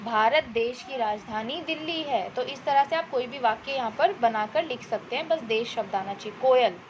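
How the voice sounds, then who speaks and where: A woman teacher patiently explaining a worksheet to children step by step, checking in often and slowing down to dictate example sentences. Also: a little high, highs cut off, slight background noise. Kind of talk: Hindi worksheet lesson for children.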